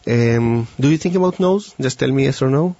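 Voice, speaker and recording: A man's voice: mid-range voice, warm tone, no echo. Israeli-accented man, dull dry recording. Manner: halting, non-native English phrasing. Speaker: mentalist performer. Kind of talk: mind-reading demonstration, talking to a volunteer.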